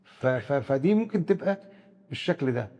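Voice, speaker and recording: A man's voice: medium pitch, animated, normal speed, mellow, big-room sound, lo-fi sound. A man with an Egyptian Arabic accent, explaining psychological ideas through first-person examples and often restarting his words. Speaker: psychiatrist guest expert. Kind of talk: explanatory discussion.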